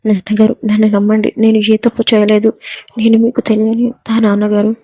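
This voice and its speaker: A woman's voice: medium pitch, completely flat delivery, a little fast, dark tone, no echo, natural voice. A woman voicing a wronged young village woman who pleads with her father in a storybook reading. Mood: pleading.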